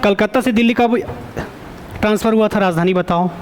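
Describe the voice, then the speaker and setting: In an online exam-prep lecture with slight background noise, a male teacher with a high-pitched voice keeps asking students for answers. He frequently stops for a quick "okay" check and fixes his own mistakes as he goes.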